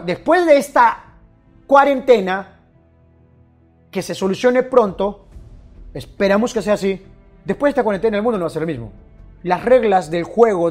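Emphatic motivational speaker. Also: male voice, high-pitched. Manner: emphatic, repetitive, addresses listener directly. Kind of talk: motivational talk.

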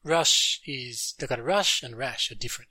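A man's voice: medium pitch, unhurried, sharp tone, dry recording. A man co-hosting a casual podcast, patiently explaining English words and mixing Japanese with fluent English. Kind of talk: casual bilingual podcast chat.

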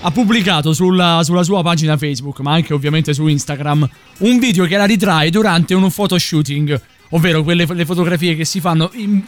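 A man hosting a casual comedic chat in an emphatic, excitable, exclaiming manner. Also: sits high. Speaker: show host.

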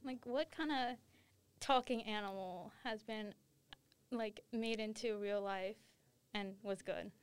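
A woman's voice: mid-range voice, takes it slowly, smooth. A young woman joining a casual podcast chat, teasing and often trailing off mid-thought.

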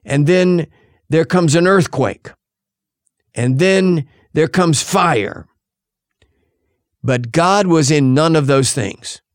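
A male pastor preaching a sermon, shifting dramatically between loud and hushed delivery. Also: on the high side, slow, long pauses, no echo, studio quality.

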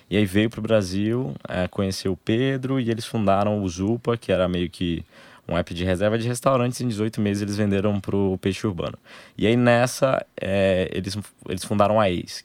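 A young man with a Brazilian Portuguese accent, his voice sitting very low. He talks as an interview guest in relaxed conversation, laying things out in short, halting phrases. The sound is close and dry, with no room in it. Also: dry recording. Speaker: interview guest, angel investor group member.

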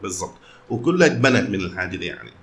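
A man's voice: sits low, big pitch swings, very fast, a bit bright. A man with a Sudanese Arabic accent in casual conversation, switching often between Arabic and English. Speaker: company founder.

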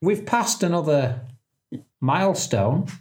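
A man's voice: fairly high pitch, sing-song, slow, a little mellow. A man co-hosting a podcast in casual chat, joking and laughing at his own gags. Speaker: podcast co-host.

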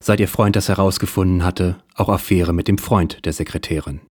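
A man narrating a noir parody audio play in a dry, deadpan manner. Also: low-pitched, a little fast, slightly rough, dry recording.

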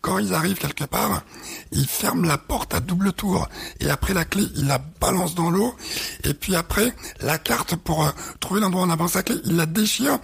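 A man's voice: high voice, normal speed, creaky, breathy edge. A man co-hosting a podcast in casual chat, speaking hesitantly with many fillers and explaining through images. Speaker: podcast co-host.

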